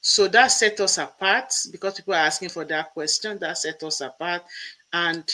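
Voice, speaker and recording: A man's voice: sits high, normal speed, bright, forceful tone, low-quality recording. A man hosting an interview, explaining points one by one in an emphatic way. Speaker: host and professor. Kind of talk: interview conversation.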